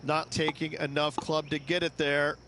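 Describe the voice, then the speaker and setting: A man's voice: a little high, flat delivery, moderate pace, background noise, close to an everyday voice. A man giving conversational color commentary as a golf analyst in a video game. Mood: easygoing, candid.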